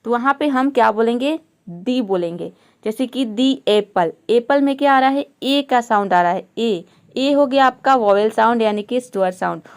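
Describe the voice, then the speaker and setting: A woman's voice: a little high, moderate pace, smooth. A woman teaching English grammar step by step, patiently asking questions and answering them herself.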